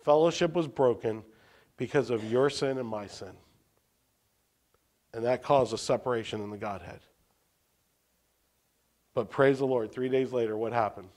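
A man preaching a sermon as a pastor, posing rhetorical questions and swinging between emphatic lines and hushed ones. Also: medium pitch, moderate pace, pauses often.

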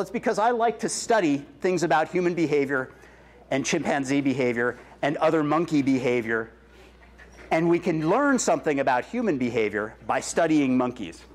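In a big school cafeteria packed with children, a middle-aged man with a slightly high voice delivers a lively science lesson with a Q and A, sprinkling in Spanish phrases. He paces and gestures, using a wireless headset or lapel mic. The sound is distant and hall-like, with noisy children behind.

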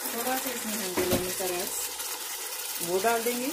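A woman, casually talking through a home cooking recipe step by step, unhurried and full of fillers. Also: fairly high pitch. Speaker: home cooking channel host. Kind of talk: casual cooking tutorial voice-over. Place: home kitchen at the stove. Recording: loud cooking noise behind voice. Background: loud sizzling and frying from the pan.

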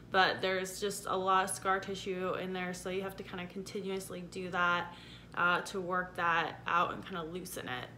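Bright-voiced woman talking with a sore jaw. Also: a little hiss or hum. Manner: talks with a sore, stiff jaw and numb lower lip, slightly impaired articulation. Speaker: vlogger giving a surgery recovery update. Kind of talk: casual chat to camera. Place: indoor room at home.

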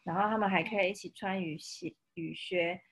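A woman with a Taiwanese Mandarin accent reading a picture book to a toddler, playful and expressive, pausing to ask the child questions. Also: fairly low pitch, slightly rough. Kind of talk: interactive read-aloud storytelling to a toddler. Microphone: video call.

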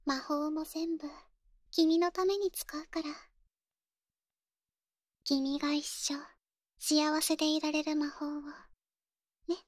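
A young woman voicing a possessive, coddling female wizard in ASMR role-play, coaxing with soft menace. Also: very high-pitched, steady tone, unhurried, no room sound, clean studio sound. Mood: possessive, doting. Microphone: close, dry studio microphone.

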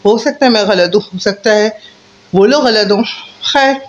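A woman's voice: mid-range voice, moderate pace, muffled recording. A woman from Pakistan, talking through cloth as she chats in a casual vlog intro and pleads with viewers to comment and subscribe. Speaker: food vlogger.

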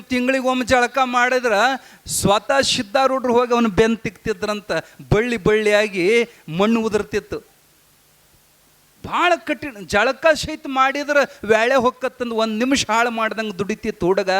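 A man telling a devotional story in a sermon, in lively local dialect. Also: sits high, normal speed. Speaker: preacher.

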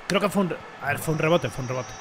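Young guy yelling over a football game, high bright voice, jokey and sweary. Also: racing, slight background noise. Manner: loud, excitable, swearing, joking. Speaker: gaming YouTuber. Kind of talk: casual gameplay commentary.

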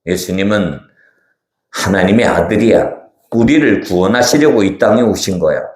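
A man voicing a gentle teacher in a live children's church puppet show, calmly explaining and reassuring. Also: deep voice, normal speed. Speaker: pastor performing. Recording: echoey church hall, faint music.

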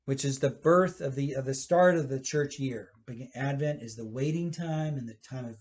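Recorded by webcam in a church library, this fifties-aged pastor teaches children's church at a normal speed and medium pitch. He explains things gently, gesturing and rephrasing along the way.

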